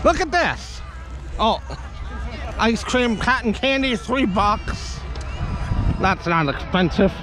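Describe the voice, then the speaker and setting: Very high-voiced, swoopy American man chatting. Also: expressive, slow, pauses often, a crowd in the background, poor audio. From United States, Wisconsin. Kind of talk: casual chat with vendors and companions. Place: outdoors at a busy air show.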